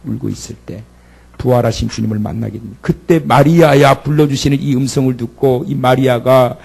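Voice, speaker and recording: Gravelly-voiced man preaching a sermon. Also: mid-range voice, fairly even intonation, a little fast, dark tone. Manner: dramatic, acts out the speakers in the story. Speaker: pastor.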